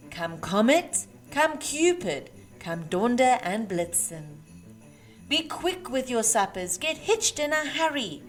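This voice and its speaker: Woman playing old storybook Santa, worried but commanding, unhurried declamatory rhymes, light music underneath. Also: mid-range voice. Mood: urgent, commanding.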